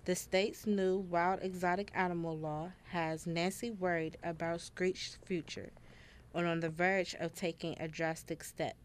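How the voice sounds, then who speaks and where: A woman's voice: on the low side, fairly even intonation, unhurried. A woman reading scripted news as an anchor, in a formal broadcast delivery that stumbles now and then. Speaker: student news anchor in a mock newscast.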